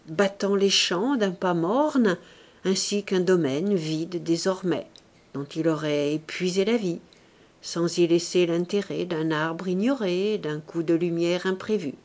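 A woman reading a classic novel aloud as an audiobook narrator, in measured and expressive storytelling. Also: fairly low pitch.

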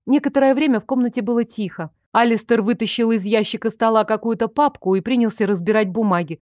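A woman reading a first-person audiobook in a lively, ironic, expressive way. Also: a little high, fast, no room sound, studio quality. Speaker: audiobook narrator.

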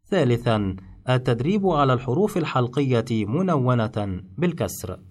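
A man teaching in measured, step-by-step instructional narration. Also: medium pitch, sing-song. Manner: measured, explains rules step by step.

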